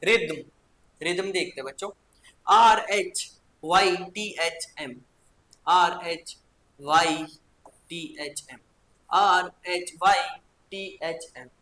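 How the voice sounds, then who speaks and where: A teacher in an echoey room, slowly spelling out words one letter at a time. The voice is bright and clear, with frequent coaxing check-ins to the children. It is a patient, repetitive classroom delivery. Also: medium pitch. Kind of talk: spelling lesson for schoolchildren.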